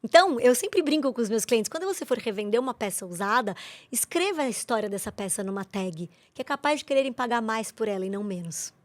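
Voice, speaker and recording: A woman, a guest explaining the children's market in a persuasive, animated way. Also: on the high side, quick pace. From Brazil. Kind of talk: interview conversation.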